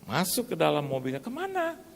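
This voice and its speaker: A male pastor preaching a sermon, telling a story in a lively way and jumping up high in pitch to make his points. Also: measured pace, gravelly, slight background noise. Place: large church hall. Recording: long reverb of a church hall.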